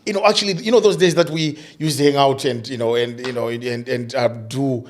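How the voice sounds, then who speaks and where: A man's voice: mid-range voice, fairly even intonation. A middle-aged man from Zimbabwe, a guest in an interview, speaking thoughtfully with many restarts and repeated fillers. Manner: thoughtful, halting, many restarts and "you know". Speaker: guest, diversity and inclusion coach. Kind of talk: conversational interview.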